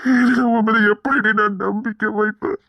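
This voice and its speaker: A man playing a husky, hurt young lover. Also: high voice, dry recording. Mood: hurt reproach. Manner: slow, reproachful, then firmly reassuring. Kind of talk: audio drama acting. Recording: dry, dull lo-fi recording.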